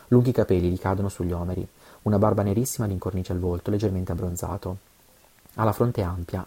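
A man's voice: low voice, vocal fry, dark tone, slightly rough. A man reading an adventure novel aloud, with occasional stumbles and self-corrections. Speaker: audiobook reader.

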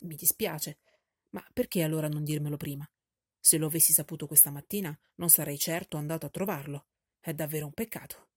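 A dry, teasing older gentleman from an audiobook, as a woman reader puts him on, with a lowered, dark tone. He speaks with deadpan irony. The recording is close and dry, with a slightly husky edge. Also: fairly quick, dry recording. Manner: deadpan, ironic. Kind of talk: audiobook character voice.

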